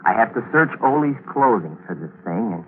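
Through the hiss of a tinny old radio broadcast, a man narrates and stars as a calculating plotter arranging a cover-up in a 1940s drama. He speaks fairly quickly in a low voice with big pitch swings, clipped, cold, and commanding.

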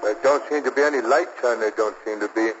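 An actor playing an excitable, simple cab driver sidekick in an old radio drama, whiny and repeating his own phrases. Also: mid-range voice, fast talker, lightly acted. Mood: eager. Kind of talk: 1940s radio acting. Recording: noisy, dull old radio recording.

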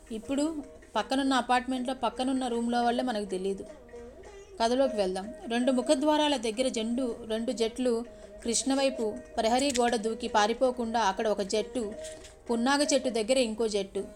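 A woman's voice: a little high, a little mellow. A woman telling a village story vividly, full of sound words, turning now and then to speak to her listeners. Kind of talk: story narration with asides to listeners.

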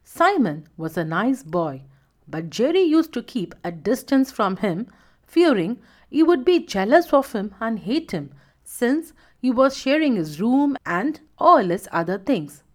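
A woman hosting a children's story show, narrating in an expressive, sing-song way. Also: a little high, a little slow. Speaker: storytelling host.

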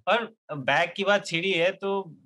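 Bright young man telling comic stories. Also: sits high, slow pace. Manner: lively, jokey, laughs often. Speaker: storyteller in a group chat show. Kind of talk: comic storytelling among friends.

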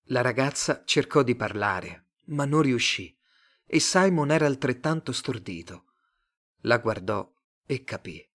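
A man reading a story aloud as its narrator, in a measured, expressive way. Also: medium pitch. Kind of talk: audiobook narration.

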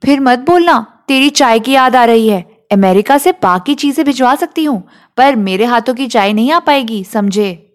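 A woman's voice: a little high, expressive, normal speed, lightly acted. Woman playing a teasing young daughter. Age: 20s. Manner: teasing, affectionate. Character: young bride-to-be daughter, playful and caring.

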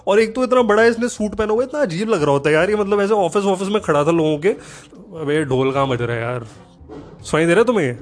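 Man, high-pitched voice, sarcastic comedic rant, animated and profane, faint background music. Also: quick pace.

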